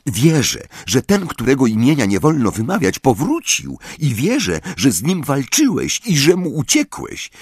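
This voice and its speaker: A man's voice: medium pitch, huge pitch swings, normal speed, hardly any pauses, darkish tone, slightly rough, no room sound, voice pushed up, exaggerated voice. A man voicing an odd, blunt teenage witch girl in an audiobook, blurting out her words. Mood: earnest.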